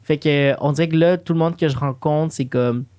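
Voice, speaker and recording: A man co-hosting a podcast, talking casually and haltingly with many restarts and fillers. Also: fairly high pitch, darkish tone, smooth, dry recording. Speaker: podcast co-host. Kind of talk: casual conversation.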